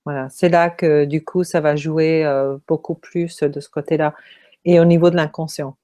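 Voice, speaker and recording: A woman who is losing her voice speaks as a feng shui consultant answering interview questions, halting often with fillers. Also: sits low, fairly even intonation, warm tone. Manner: halting, many pauses and fillers.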